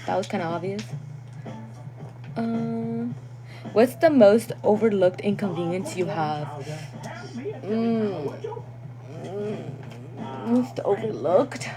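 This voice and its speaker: Music plays behind a young woman with Guatemalan roots as she chats slowly on her phone livestream, pausing often in a mid-range voice over poor audio. Not a native English speaker, she stumbles now and then and laughs frequently.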